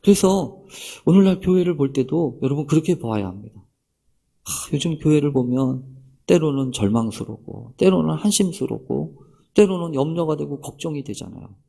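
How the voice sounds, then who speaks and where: A man's voice: on the high side, moderate pace, creaky, mellow, husky. A man preaching a sermon as pastor, speaking straight to the congregation with many rhetorical questions.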